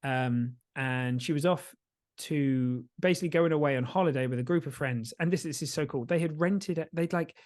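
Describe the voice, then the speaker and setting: A man co-hosts a sober-living podcast, chatting casually and rambling a bit while he coaches, often interrupting himself. His voice sits slightly high and a little mellow, moving at a normal speed.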